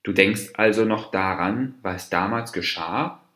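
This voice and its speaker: A man's voice: mid-range voice, big pitch swings, measured pace. A man doing a sly trickster monkey. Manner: wheedling, mock-friendly. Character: sly scheming male monkey, fable trickster. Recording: roomy echo.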